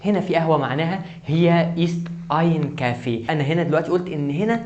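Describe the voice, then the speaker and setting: A man with an Egyptian Arabic accent talks through a German grammar lesson at a rapid clip, keeping his voice a little high. He presses the viewer to pay attention over and over. The recording sounds somewhat dull and lo-fi. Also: a little mellow. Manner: urgent, repeatedly asks the viewer to focus. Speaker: German teacher. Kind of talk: online language lesson.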